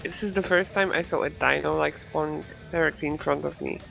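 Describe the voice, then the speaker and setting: Stuffy-nosed man with a creaky voice. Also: fairly high pitch, fairly even intonation, bright, forceful tone, soft background music. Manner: halting, repeats himself. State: stuffy nose, morning voice. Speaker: game server player. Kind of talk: casual voice chat.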